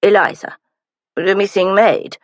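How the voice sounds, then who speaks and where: A woman's voice: mid-range voice, steady tone, unhurried, dry recording, muffled recording, close to an everyday voice. A woman voicing a young duke who sounds lofty and bored, grumbling at his companion in an audiobook.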